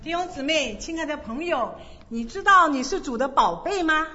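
A woman preaching an evangelistic sermon, gently asking her listeners a long string of rhetorical questions. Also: high voice, lively intonation, moderate pace, muffled recording.

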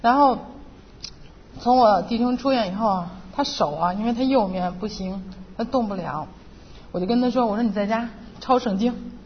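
A woman's voice: medium pitch, normal speed. A middle-aged woman giving an earnest, emotional personal testimony at church. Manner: earnest and emotional, re-enacting her own prayers. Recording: muffled, reverberant hall with faint noise.

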